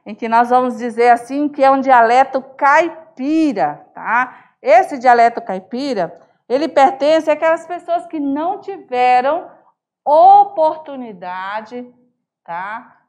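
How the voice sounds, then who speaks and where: A woman teacher giving an online high school lesson, explaining example words and often checking in with her students. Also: a little mellow. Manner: explanatory, keeps asking "né?" and drawls example words.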